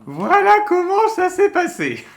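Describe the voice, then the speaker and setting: A man's voice: extremely high pitch, huge pitch swings, unhurried, faint music behind, exaggerated voice. A streamer acting out a sneering, sadistic male prison gang boss with a mocking, theatrical delivery. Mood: gloating.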